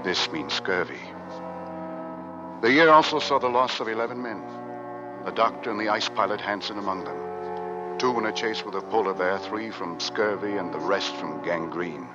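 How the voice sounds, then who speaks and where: A man playing a young sailor narrating gravely. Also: lowish voice, normal speed, highs cut off, over loud music, close to an everyday voice. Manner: earnest, grave storytelling narration. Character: young male sailor stranded on Arctic ice, steady and grave.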